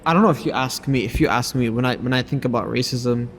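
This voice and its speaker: A man's voice: mid-range voice, fast. A man hosting a casual chat, asking questions hesitantly with many fillers. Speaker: host. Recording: roomy reverb with background hiss.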